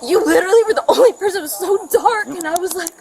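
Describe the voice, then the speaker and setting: A woman tells police what happened in a shaken, rambling way, her voice high. She is outdoors at night on a street, caught by a body camera. The voices of other people are clearly heard around her. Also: fast talker, a crowd in the background, poor audio. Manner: shaken, breathless, rambling retelling. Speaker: witness giving a statement to police.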